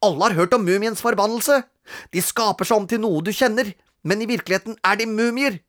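A storyteller voicing a mischievous young boy who talks his way out of trouble in a loud, sly, persuasive way. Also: mid-range voice, voice pushed up, lightly acted. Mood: insistent.

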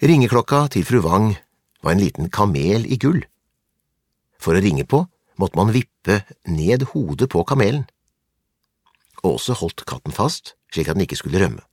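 Man, storybook reader, low voice, husky, calm, measured, dry. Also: no echo. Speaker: narrator. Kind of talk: storybook reading.

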